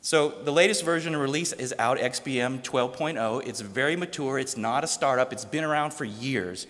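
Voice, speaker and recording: A man giving an enthusiastic, jokey tech pitch as a lightning talk at a conference. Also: moderate pace, fairly bright tone. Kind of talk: short timed presentation to an audience. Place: conference hall. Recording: reverberant hall.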